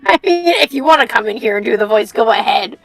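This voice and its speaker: A woman with a fairly high voice talks casually on a stream. She is scattered and giggly, half talking to herself. The sound is dry, with faint music behind her. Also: animated, quick pace, creaky, dry recording. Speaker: streamer playing and voicing a game with friends. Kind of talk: casual chat.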